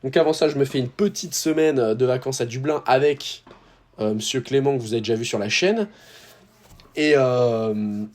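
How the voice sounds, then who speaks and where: A man's voice: medium pitch, normal speed, a little mellow. Young French guy, casual vlogger, loose rambling slang delivery, mid-range voice. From France. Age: young adult. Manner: slangy, rambling, with many fillers and restarts. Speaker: tennis YouTuber. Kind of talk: casual storytelling to viewers.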